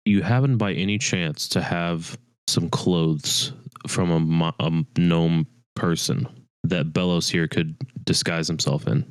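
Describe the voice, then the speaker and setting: A man's voice: sits low, steady tone, unhurried, smooth, no room sound. A man playing a tabletop game, asking questions about the setting and checking how things work. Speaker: player. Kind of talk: casual table chat.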